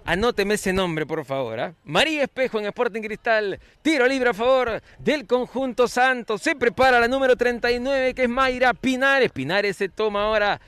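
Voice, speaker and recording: A man's voice: very high voice, a bit bright, clean tone, dry recording. A man with a Peruvian accent giving live football play-by-play in an emphatic, dramatic manner. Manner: emphatic, dramatic delivery with repeated names and drawn-out goal calls. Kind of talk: live match commentary.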